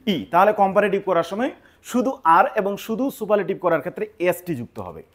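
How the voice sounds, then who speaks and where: A man's voice: sits high, fast talker. A man teaching English grammar, explaining step by step and often checking that listeners follow. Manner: patient, repeats points with check-in questions.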